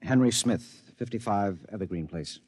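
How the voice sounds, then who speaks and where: 低めの声で口ごもる落ち着かない夫. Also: male voice, on the low side, normal speed, darkish tone, husky, no echo. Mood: awkward, eager. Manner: hesitant, hemming. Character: restless, evasive henpecked husband. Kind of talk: 1950s radio drama acting. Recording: muffled vintage 1950s radio.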